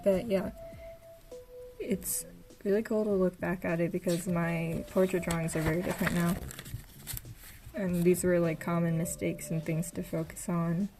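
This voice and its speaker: A young female art vlogger casually narrates a tour of her old sketchbooks while game music plays underneath. Her voice is lowish with fairly even intonation, at a moderate pace with frequent pauses. She speaks softly and hesitantly, with many fillers, sounding tired.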